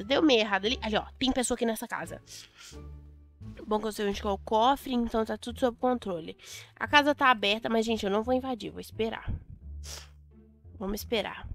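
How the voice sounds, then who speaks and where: A young adult Brazilian woman commentating a Roblox game, chatty and excitable, repeating words in bursts. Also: a little high. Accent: Brazilian Portuguese. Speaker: Roblox gameplay host. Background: faint music.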